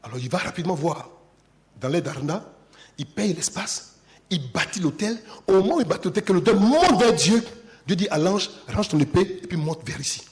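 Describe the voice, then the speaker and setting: Impassioned high-pitched male preacher. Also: lively intonation, normal speed. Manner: impassioned preaching, swings from hushed to shouting; call-and-response repetition. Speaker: pastor. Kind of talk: sermon. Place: church.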